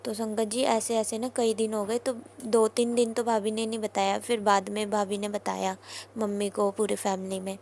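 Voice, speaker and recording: A woman's voice: mid-range voice, level tone, normal speed, darkish tone, a little hiss or hum. A young woman earnestly recounting a personal testimony to a congregation, often turning to address her listeners directly. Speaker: devotee sharing a testimony.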